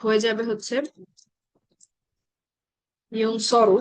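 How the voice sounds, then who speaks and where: A woman teaching an online grammar class, patiently checking that students follow and reciting verb patterns slowly. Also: fairly high pitch, completely flat delivery.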